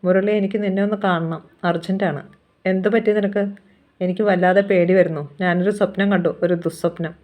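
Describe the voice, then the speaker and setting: The narrator voices a frightened married woman haunted by guilt, speaking hushed and anxious. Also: medium pitch, fairly even intonation, moderate pace, narrow, tinny audio, close to an everyday voice. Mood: fearful. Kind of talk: storybook reading.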